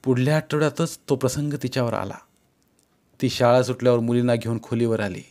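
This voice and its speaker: A man narrating a Marathi short story in a steady, expressive reading voice. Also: mid-range voice, fairly quick.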